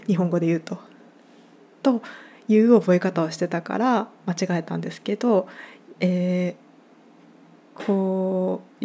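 A woman's voice: on the low side, mellow. A woman hosting her own podcast, explaining things in a casual, chatty way with lots of fillers and restarts. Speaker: podcast host. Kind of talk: casual solo podcast talk.

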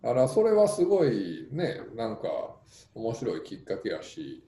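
A man's voice: medium pitch, a little slow. Kansai-accented man musing in a roomy echo. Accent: Kansai Japanese. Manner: relaxed, musing, full of fillers. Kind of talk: casual podcast chat.

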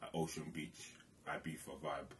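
A deep-voiced man hosts a casual podcast chat. He speaks with hesitant, thoughtful pauses over clearly noticeable room noise. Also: little pitch movement. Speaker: podcast host.

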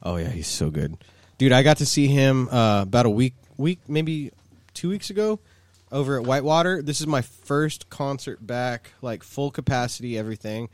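A man's voice: mid-range voice, animated, normal speed, no echo. Rambling, swearing man. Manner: rambling, heavy filler words and swearing. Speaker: podcast co-host. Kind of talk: casual chat.

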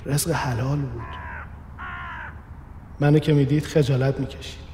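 A man narrating a first-person radio story in a quiet, reflective, measured way. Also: medium pitch, fairly even intonation, a little hiss or hum. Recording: reverberant room with soft background music.

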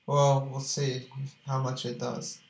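A man's voice: mid-range voice, monotone, slow pace, background noise. Man, casual phone call, blunt short questions, speakerphone held away, roomy and distant. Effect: speakerphone held away from his mouth. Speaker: family member on a phone call.

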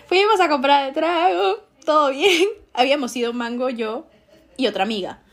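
A woman's voice: high voice, moderate pace. A young woman with a Peruvian Spanish accent, telling a story in casual chat and laughing often.

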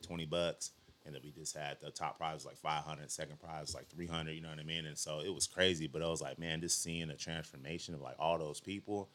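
A young man with a deep, low voice tells stories at a rapid clip. He is animated and slangy, acting out the quotes in casual conversation. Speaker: guest.

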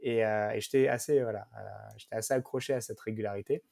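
A man co-hosting a podcast in casual chat, speaking haltingly with many "euh" fillers. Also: on the low side, steady tone, vocal fry, a little mellow, no echo, clean studio sound. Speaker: podcast co-host.

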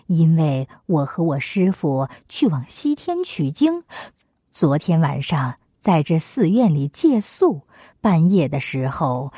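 Cocky male monkey king, lowered and coaxing, played by a woman storyteller. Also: warm tone, slightly rough, no room sound, clean studio sound, full character voice.

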